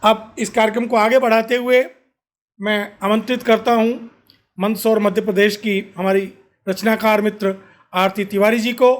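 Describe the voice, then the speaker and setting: High-voiced man hosting a literary reading. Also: flat delivery, moderate pace. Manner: formal, courteous. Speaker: host. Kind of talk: formal event introduction.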